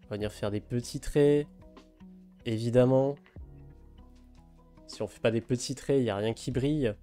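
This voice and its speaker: A man's voice: medium pitch, normal speed, dark tone, faint music behind. Chatty man streaming a drawing. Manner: chatty, reads and answers chat, teasing. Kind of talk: casual live-stream chat while drawing.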